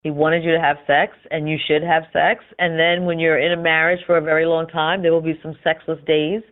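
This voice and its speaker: A woman's voice: low-pitched, flat delivery, a little fast. A woman hosting an interview, affirming her guest often and using many fillers. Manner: affirming, repeats "right", fillers. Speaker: interview host. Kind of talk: conversational interview. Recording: tinny phone-line sound.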